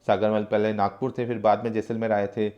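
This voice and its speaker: Man teacher reading a play out loud, then breaking each line down simply. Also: fairly low pitch, little pitch movement, fairly quick, dull audio. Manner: reads a line, then paraphrases it. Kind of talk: reading a play aloud and explaining it.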